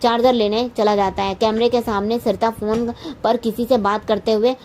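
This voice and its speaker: Woman, serial recap narration, flat delivery, frequent restarts, faint noise behind. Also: a little high, moderate pace. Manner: frequent restarts and self-corrections.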